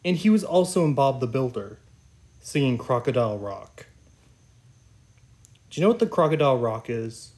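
A man's voice: mid-range voice, lively intonation, normal speed, long pauses, darkish tone. A man hosting his own channel, chatting casually and enthusiastically about singers, rambling with lots of "like" and "oh my gosh". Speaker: YouTube channel host.

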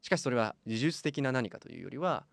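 Lively young man as game master. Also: mid-range voice, quick pace, creaky, no echo. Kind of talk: narrating a tabletop role-play session. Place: small padded studio room. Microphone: close studio microphone on boom arm.

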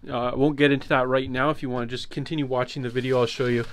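A man's voice: medium pitch, very fast, slight background noise. Casual man explaining his trailer build. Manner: relaxed, explanatory, with fillers. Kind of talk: casual walkthrough tour. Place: inside a converted cargo trailer.

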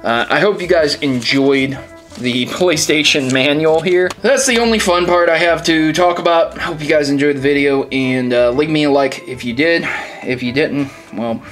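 Brief: male host, slightly high voice, irreverent and profane, laughs along with his own jokes. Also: moderate pace, fairly bright tone, soft background music. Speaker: video host. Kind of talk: casual commentary on a game console manual.

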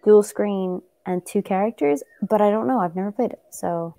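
A woman in her thirties with a soft-edged, mellow voice at a middle pitch. She chats casually on a gaming livestream, explaining how the game works. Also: normal speed, vocal fry. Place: living room at home, on a couch.

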